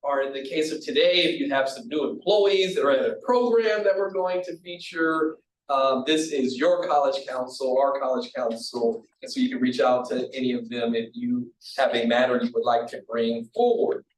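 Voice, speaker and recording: A man chairing a college council meeting, relaxed and joking between agenda items. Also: mid-range voice, moderate pace. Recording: echoey room from far off, faint hiss.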